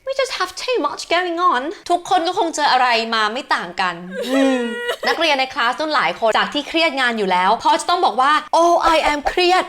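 High-voiced young woman, upbeat English teacher, acts out example lines, slow delivery, music behind. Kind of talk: bright scripted English lesson. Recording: music bed under the voice.

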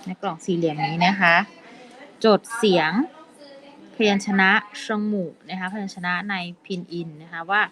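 A woman's voice: lowish voice, fairly bright tone, poor audio. A woman teacher recording a pinyin lesson for children, patiently repeating each sound twice and calling her pupils "child". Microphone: self-recorded lesson.

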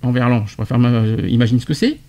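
Un animateur de radio qui interroge son invité en expliquant de l'argot, avec entrain et des rires. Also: male voice, medium pitch, quick pace, dark tone. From France. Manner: quizzing, explaining slang terms with laughs. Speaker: radio show host. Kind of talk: radio debate segment.

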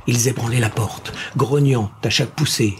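A man reading a science-fiction thriller aloud in a steady, suspenseful narration. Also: mid-range voice, normal speed, slight background noise. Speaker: audiobook narrator. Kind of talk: scripted narration.

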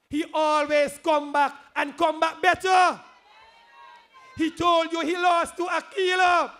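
A very high-pitched man with a Kittitian accent delivers a rousing political rally speech as a candidate. He speaks emphatically, repeating phrases and building them up into shouts.

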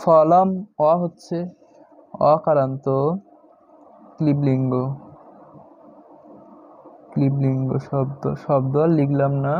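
Slow, repetitive male teacher. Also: a little high, dark tone. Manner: slow, repeats each word several times. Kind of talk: step-by-step classroom explanation. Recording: dull lo-fi sound.

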